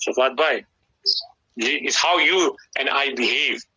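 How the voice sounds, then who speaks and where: A middle-aged South African Indian man delivers a conversational sermon over slightly dull radio sound. His voice is very forceful and bright, with a husky edge. He is emphatic and preacherly, returning to key phrases. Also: mid-range voice, a little slow.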